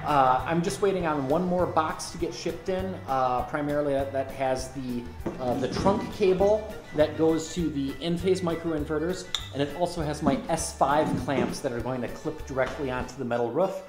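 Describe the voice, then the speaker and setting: A man's voice: a little high, normal speed, over music. A man in his forties vlogging casually with dry, self-mocking humor, filming himself with a handheld camera. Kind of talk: casual vlog narration. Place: in a car and a home garage.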